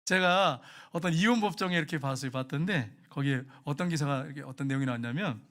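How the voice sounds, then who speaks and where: A man preaching a sermon in a church, telling a lively story, acting out the quoted lines and chuckling along the way. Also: fairly high pitch, fast. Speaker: pastor. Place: church sanctuary.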